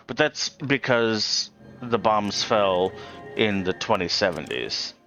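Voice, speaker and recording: A man's voice: fairly low pitch, animated, takes it slowly, pushed and bright, dull audio, soft background music. A man explaining a game to a friend in casual chat, patient and hesitant with many ums, tired after waking very early. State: tired, awake since early morning. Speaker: co-host guiding a friend's game. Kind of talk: casual let's play chat.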